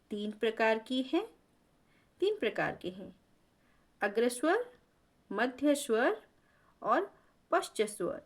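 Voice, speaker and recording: Woman teacher, slow deliberate pace, fairly high voice, patient explanations, drills vowel sounds aloud. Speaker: Hindi grammar teacher. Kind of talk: classroom lesson explaining vowel pronunciation.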